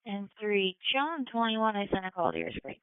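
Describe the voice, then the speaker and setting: A woman's voice: mid-range voice, huge pitch swings, moderate pace, clear, resonant tone, no echo. A woman police dispatcher giving clipped, procedural calls, heard over a police radio. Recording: narrow radio-scanner audio.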